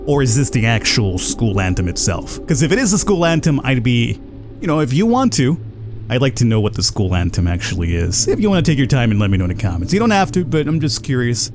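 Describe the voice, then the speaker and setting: A man's voice: mid-range voice, big pitch swings, fast, a little mellow, faint music behind. A man hosting a gaming video with casual, slangy, laid-back commentary, sometimes reading on-screen text aloud.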